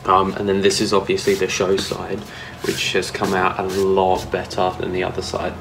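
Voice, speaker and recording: A man's voice: low-pitched, completely flat delivery, normal speed, gravelly, background noise. A young man casually narrating a DIY skateboard project, thinking aloud with fillers as he works at home on a phone camera. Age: young adult. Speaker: DIY vlogger. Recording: music playing under the voice. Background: background music.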